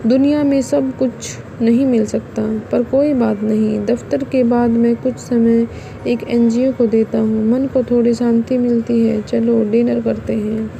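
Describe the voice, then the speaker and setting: A woman voicing a gentle widowed man in his thirties in a storybook reading, in a calm, flat delivery. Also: on the high side, unhurried, creaky, a little hiss or hum, low-quality recording.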